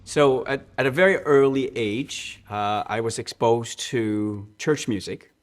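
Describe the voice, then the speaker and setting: With a mid-range voice, an earnest man from Hong Kong who directs church music recounts his experiences in an interview. He tends to restart and repeat words, easing his pace when he reaches important points.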